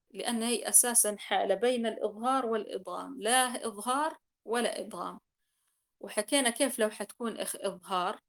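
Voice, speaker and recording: A woman teaching Quran recitation rules in a class, explaining patiently, repeating key points and sounding out examples. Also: on the high side.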